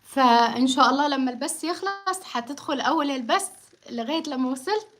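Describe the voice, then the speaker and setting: High-voiced, sarcastic Egyptian woman streamer. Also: animated, fast, a bit bright. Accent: Egyptian Arabic. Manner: defiant, sarcastic, laughing often. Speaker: live streamer. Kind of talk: casual live-stream talk. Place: at home. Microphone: phone.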